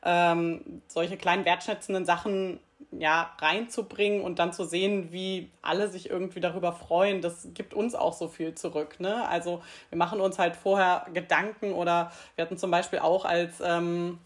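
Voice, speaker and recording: A woman's voice: on the low side, fairly even intonation, normal speed. Chatty woman telling anecdotes. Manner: chatty, laughs while telling stories. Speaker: employee engagement team member, guest. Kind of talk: conversational interview talk.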